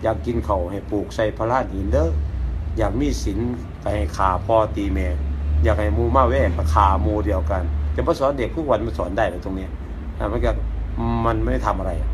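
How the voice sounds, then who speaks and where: An older man with an Isan accent, a Buddhist monk giving an informal, rambling dharma talk in a grandfatherly old-man way. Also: fairly low pitch. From Isan, northeastern Thailand. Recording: noisy, with vehicle and ambient sound.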